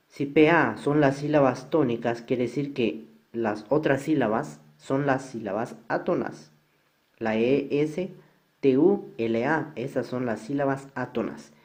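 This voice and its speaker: A man's voice: medium pitch, a little mellow. A male teacher explaining a lesson step by step over slides, repeating each example.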